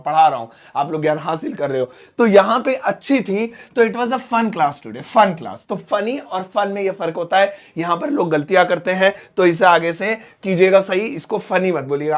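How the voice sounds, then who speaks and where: A young man with an Indian accent teaching a spoken English lesson, saying example sentences slowly word by word. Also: sits high.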